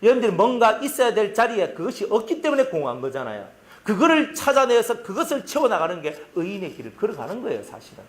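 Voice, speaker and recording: A male pastor with a Gyeongsang Korean accent preaching a sermon, telling stories in an animated way and using lots of sound effects. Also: high voice, fast talker.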